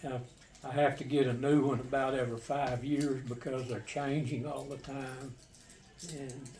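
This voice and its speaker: An older man, a war veteran, casually recounting his memories in a halting, matter-of-fact, plain-spoken way. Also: medium pitch, little pitch movement, a little mellow. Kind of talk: casual personal storytelling. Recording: distant mic with faint background noise.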